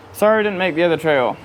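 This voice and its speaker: A tired man vlogging outdoors beside his truck, rambling easily with lots of fillers. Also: fairly high pitch. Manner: rambling, easygoing, with many fillers and laughs. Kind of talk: casual off-the-cuff vlog talk.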